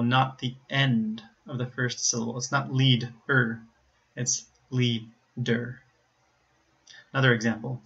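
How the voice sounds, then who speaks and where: American guy teaching english sounds, careful and deliberate, mid pitch, kinda muffled lo-fi recording. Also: bright, forceful tone. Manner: careful, deliberate enunciation of examples. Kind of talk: instructional explanation with word demonstrations. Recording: slightly dull, lo-fi audio.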